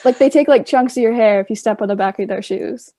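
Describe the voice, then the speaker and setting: A woman on a podcast, speaking casually and hesitantly, often pausing. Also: fairly high pitch, warm tone, no echo, poor audio. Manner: hesitant, fills with "like". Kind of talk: casual chat.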